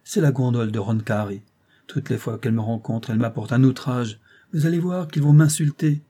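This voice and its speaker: Male reader as a fierce, sad young gondola girl, low-key, dark and husky. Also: a little fast, natural voice. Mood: urgent. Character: proud young Venetian boatwoman, fierce and melancholy.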